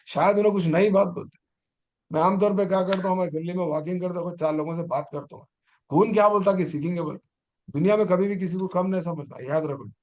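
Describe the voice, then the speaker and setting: A man's voice: high-pitched, fast talker. A middle-aged man, a teacher trainer giving an online exam-prep lecture and urging his students on with rhetorical questions.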